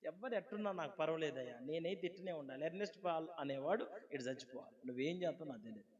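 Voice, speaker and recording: A man's voice: lively intonation, very fast, lo-fi sound. A male pastor preaching a sermon with fervent, rising exhortations and plain, scolding asides to the congregation. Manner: impassioned preaching, rising to loud high exhortation. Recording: long hall reverb.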